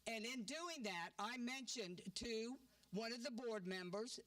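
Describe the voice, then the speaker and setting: At a community meeting in a church hall, an older woman makes an outspoken, chatty public comment, tagging her points with "okay?" Her voice is fairly high, animated, a bit bright, and a little slow. The dry recording comes from a distant handheld mic.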